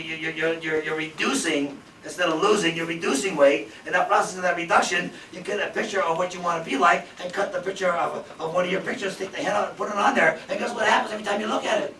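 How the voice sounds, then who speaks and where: A man's voice: sits high, sharp tone. A man in his fifties giving a motivational seminar talk, emphatic and repetitive, full of rhetorical questions. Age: 50s. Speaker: seminar speaker. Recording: roomy, from far off, faint background noise.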